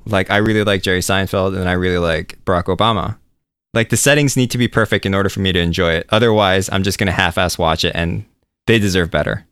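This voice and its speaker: A man chatting casually on a podcast, relaxed and rambling, with a self-deprecating manner. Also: low voice, fast, clean tone, no room sound. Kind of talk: casual chat.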